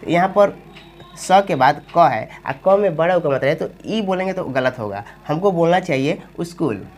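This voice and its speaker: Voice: medium pitch, lively intonation, normal speed, faint music behind. A teacher explaining Hindi spelling step by step, asking questions aloud and then answering them. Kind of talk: spoken grammar lesson.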